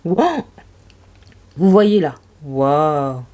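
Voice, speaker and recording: A woman's voice: deep voice, very animated, very slow, noisy background. A young woman vlogging makeup swatches, gushing and exclaiming over each shade in casual chat. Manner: gushing, exclamatory, marvelling aloud. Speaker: beauty vlogger.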